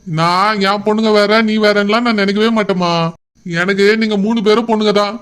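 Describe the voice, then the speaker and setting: A man voicing a gentle, doting middle-aged father who soothes his daughter in a cartoon. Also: sits high, fairly even intonation, fairly quick, clear, resonant tone. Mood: soothing. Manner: soothing, affectionate. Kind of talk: cartoon voice acting.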